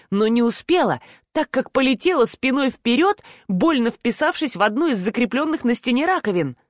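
A woman narrating a novel in the first person with steady, even storytelling. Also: on the high side, no echo, studio quality. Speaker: audiobook narrator.

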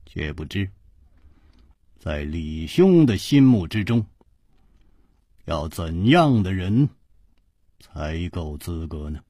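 A man voicing a calm, unflappable male hero swordsman in a storybook tale, speaking softly and slowly. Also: low-pitched, slightly rough, no echo, clean studio sound, pitched below the performer's own voice, heavily acted. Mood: mild. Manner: soft, unhurried and composed.

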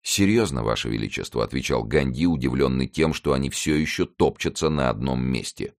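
Very deep-voiced male audiobook narrator. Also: fairly quick. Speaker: audiobook reader. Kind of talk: scripted narration.

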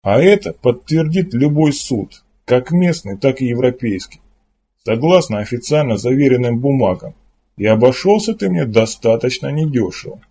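A man's voice: mid-range voice, expressive, moderate pace, warm tone, husky. A man voicing a stern male pirate commander in an audiobook, speaking in a dry, businesslike and curt way.

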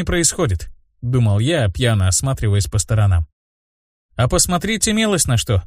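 A male narrator reads a first-person fantasy audiobook. His delivery is lively and expressive, with pitch that moves widely. The sound is dry and close, with no room around it. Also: dry recording.

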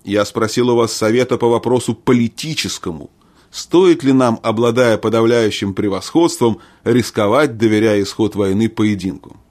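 A man's voice: lowish voice, moderate pace, a little mellow, close to an everyday voice. A man voicing a proud, angry middle-aged king in a storybook reading, blustering and scornful.

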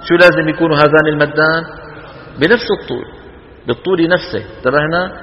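A man's voice: a little high, fast, muffled recording, slight background noise. A man teaching Quran recitation to a class, demonstrating vowel lengths and quizzing his students. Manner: lively, asks the class questions and demonstrates long vowels. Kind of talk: classroom lecture. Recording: hall with long reverb.

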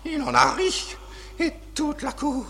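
A woman's voice: high-pitched, wildly swooping pitch, takes it slowly, bright, forceful tone, a little hiss or hum, full character voice. An actress playing a proud, passionate, anguished noblewoman, declaimed in formal 1950s French radio tragedy style. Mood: wounded, confessional. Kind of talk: 1950s French theatrical radio drama acting.

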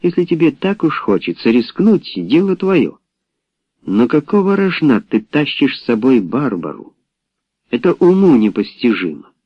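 A man voicing a hot-headed, worried male colonist in an audiobook, raising his pitch when agitated. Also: fairly quick, no echo, close to an everyday voice. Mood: heated. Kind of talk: audiobook character voice. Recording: dull lo-fi audiobook recording.

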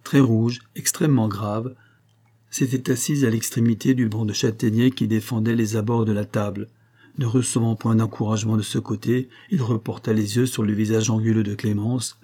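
Male narrator for a classic novel, mellow and dark, measured delivery. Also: lowish voice. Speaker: audiobook reader. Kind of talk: literary audiobook narration.

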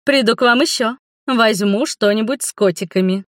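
A warm-hearted, gossiping townswoman who gushes and exclaims over every scrap of news, as a woman reads her. Her voice sits a touch higher and livelier than the narration. The recording is dry and close. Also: normal speed, no echo, close to an everyday voice. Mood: gossipy. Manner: gushing, exclaiming, dramatic. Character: chatty kindly older townswoman gossiping.

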